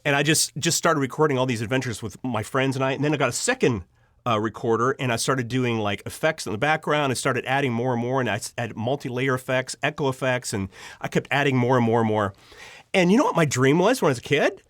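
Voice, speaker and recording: Speaking fast, with medium pitch, lively intonation and a slightly bright tone, a middle-aged American man shares personal stories as a podcast guest. He writes audio dramas and acts out pieces of remembered conversations in this animated interview, recorded in studio quality with no room sound.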